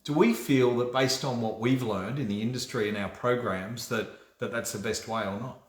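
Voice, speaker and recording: An Australian-accented man, born in New Zealand and living in Australia, hosts a casual personal development livestream in a mid-range voice at normal speed. He's chatty and motivational, often checking in with "right?" The room sounds roomy and echoey.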